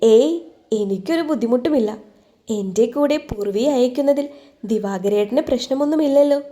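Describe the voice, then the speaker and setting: A woman voicing a calm young man in an audio love story, talking in an easygoing, reassuring way. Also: fairly high pitch, moderate pace, lightly acted.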